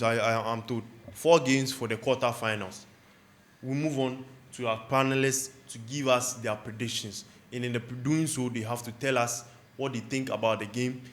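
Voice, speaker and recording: A man's voice: mid-range voice, fairly bright tone. A man hosting a casual football preview panel, chatty and introducing the panelists. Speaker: host.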